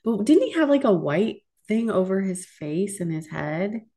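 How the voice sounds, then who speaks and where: A woman in her forties co-hosting a podcast, telling stories in quick casual chat and laughing as she goes. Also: mid-range voice, sing-song, mellow. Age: 40s. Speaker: podcast co-host.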